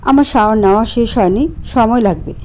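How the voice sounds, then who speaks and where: A woman voicing a shy, timid young bride in a storybook, speaking softly and pleading. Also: on the high side, fairly quick, slight background noise, natural voice.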